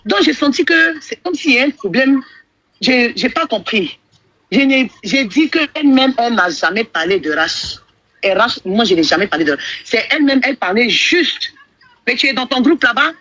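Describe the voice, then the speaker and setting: A woman's voice: on the high side, expressive, normal speed, pushed and bright, no echo. A woman calling into a live stream, hesitant and defensive, repeating herself. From Ivory Coast. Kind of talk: heated phone call on a live stream. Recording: muffled phone-call audio.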